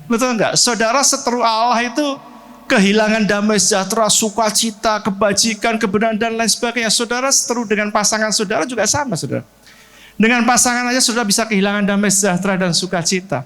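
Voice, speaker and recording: A middle-aged man from Central Java preaches with a high, lively voice that keeps leaping up and dropping low. He asks the congregation questions as he goes and slips English words into his sermon. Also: quick pace. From Central Java, Indonesia. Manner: animated preaching with lively pitch swings and direct questions to the congregation. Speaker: pastor.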